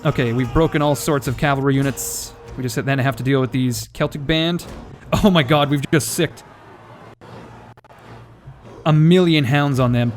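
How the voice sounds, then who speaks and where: A man narrates his moves in a strategy game, thinking aloud in a relaxed, sometimes sweary way. His voice sits at an ordinary middle pitch. The audio cuts in and out, so his volume keeps jumping up and down. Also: moderate pace, long pauses, faint music behind. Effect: audio cutting in and out, uneven volume. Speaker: gameplay commentator. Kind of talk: casual strategy game commentary.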